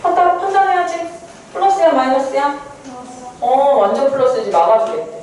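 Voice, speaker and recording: A woman's voice: high voice, normal speed, a little mellow. A woman teacher giving a poetry lesson, who asks questions and answers them herself. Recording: echoey room, far from mic, faint noise.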